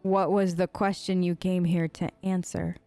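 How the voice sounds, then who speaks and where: Hosting a role-play let's play, this woman chats casually in character, sounding earnest and playful. Her voice is on the low side, warm and level at normal speed, with faint music behind.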